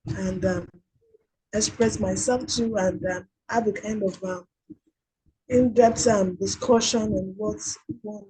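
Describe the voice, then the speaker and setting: A woman on a video call whose audio keeps breaking up from a bad internet connection, giving halting, apologetic closing remarks as a conference panelist. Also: medium pitch, darkish tone, husky, low-quality recording. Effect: choppy, breaking-up internet audio.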